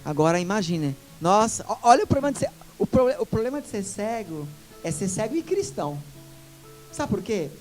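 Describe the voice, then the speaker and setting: A woman pastor from Brazil with a Brazilian Portuguese accent, preaching in church and rising into loud, fervent prayer. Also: medium pitch, sing-song, a little fast, soft background music. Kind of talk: sermon with shouted prayer.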